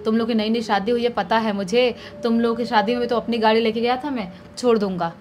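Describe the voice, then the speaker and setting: A woman voicing a friendly village driver who brushes off worries in a relaxed, reassuring way. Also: on the high side, fairly quick, a little hiss or hum, close to an everyday voice. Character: easygoing village driver, friendly grown man.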